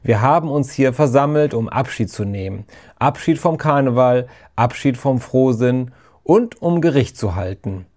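A man reading a storybook performs a male carnival official as a thundering, pompous mock priest, accusing yet mock solemn. His mid-range voice has a darkish tone and lively intonation at normal speed, close to how he talks every day.

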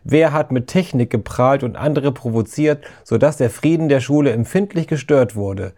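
Ein Mann, der beim Vorlesen einer Geschichte einen theatralischen, donnernden Scheinpriester spricht, pathetisch und anklagend. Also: male voice, medium pitch, moderate pace, warm tone, lightly acted. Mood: accusing. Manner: thundering, pompous, accusing. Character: theatrical booming mock priest, male carnival official. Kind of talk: storybook reading.

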